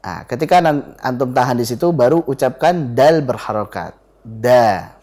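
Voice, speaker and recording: A man teaching Quran recitation on a live TV lesson, sounding out letters in slow, drawn-out syllables and leading repeat-after-me drills. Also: mid-range voice, animated, darkish tone. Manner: leads call-and-response drills with a student. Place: television studio.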